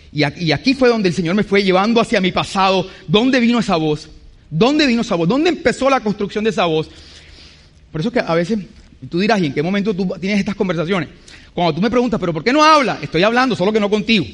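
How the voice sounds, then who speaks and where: A man preaching a sermon, emphatic, acting out what other people say. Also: very high voice.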